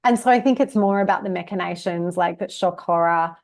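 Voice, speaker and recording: A woman's voice: on the low side, a little fast. An Australian woman speaking as a guest expert in an interview, arguing with rhetorical questions and casual fillers. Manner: animated, uses rhetorical questions and fillers like "you know, like". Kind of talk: conversational interview.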